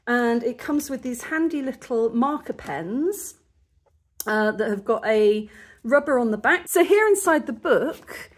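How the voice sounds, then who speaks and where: A chatty woman from the UK walks through her haul at home, her voice sitting a little high. She talks casually and chuckles often. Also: lively intonation, unhurried, slightly rough. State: slightly out of breath. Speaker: vlogger. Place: home in Rwanda.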